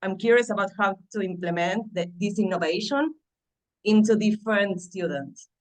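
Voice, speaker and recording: A woman's voice: medium pitch, lively intonation, normal speed, rough recording. A woman from Argentina, an English teacher, introducing herself casually over a video call. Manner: casual, loose phrasing.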